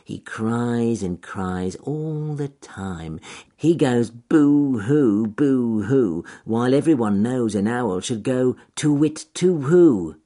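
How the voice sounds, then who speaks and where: A man's voice: mid-range voice, expressive, takes it slowly, warm tone, pitched above the performer's own voice. A man voicing a sneaky, lying weasel in a storybook, talking slyly and hissing through his teeth.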